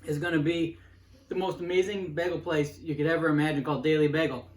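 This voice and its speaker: A man's voice: a little high, steady tone, fast talker, echoey room. A man hosting a casual home cooking show, chatting about breakfast toast with a playful, joking manner. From Midwest US. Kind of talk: casual food show chat.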